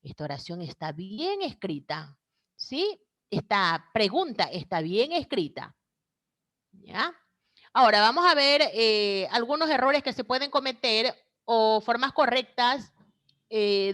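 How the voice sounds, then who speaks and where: A woman's voice: on the high side, animated, measured pace, a bit bright. A woman teacher giving an online class over a video call, explaining step by step and checking in with "¿sí?" and "¿no?".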